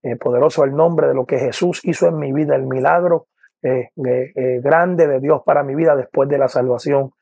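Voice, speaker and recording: Puerto Rican evangelist, 40s, earnest testimony, gravelly voice, dry close sound. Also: male voice, medium pitch, steady tone, normal speed, dark tone, no echo. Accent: Puerto Rican Spanish. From Puerto Rico. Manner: earnest, repeats "poderoso el nombre de Jesús", many "eh" and "¿verdad?". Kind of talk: personal testimony to camera. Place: indoor room with lamp, seated. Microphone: lapel mic.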